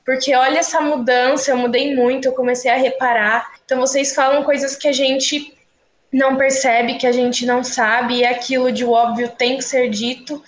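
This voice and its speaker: A woman with a high, bright-pitched voice that rings out in an echoey room. She answers in a lively, exclamatory way, in the manner of a relaxed interview guest. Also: moderate pace. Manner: animated, exclamatory. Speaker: student speech therapist, guest.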